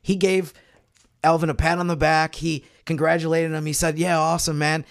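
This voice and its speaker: Speaking at a moderate pace with little pitch movement, this American man's slightly high, gravelly voice covers basketball on a podcast panel. His casual roundtable explanations come with hedged asides.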